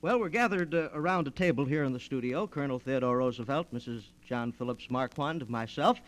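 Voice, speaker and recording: On a vintage transcription disc, a man hosting a 1940s radio program makes formal, polished introductions of guests seated around a studio table. He speaks fairly quickly in a mid-range voice.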